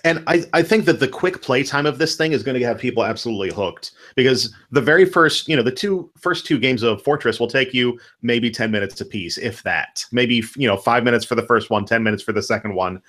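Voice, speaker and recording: A man in his thirties, speaking at mid-range pitch with a slightly bright tone, eagerly explains how a card game works during a casual video call, laughing easily. He talks a little fast with few pauses. He's in a room at home, using headphones with a studio mic.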